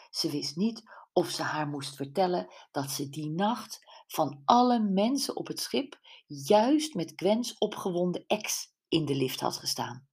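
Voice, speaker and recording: A woman narrating a mystery audiobook in a steady, measured reading voice. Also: low voice, breathy edge.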